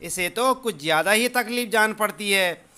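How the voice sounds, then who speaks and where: A man's voice: high-pitched, normal speed, sharp tone. A man reading the part of a worried mother coaxing her sick son in a school play lesson. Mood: coaxing, anxious. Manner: coaxing, fussing.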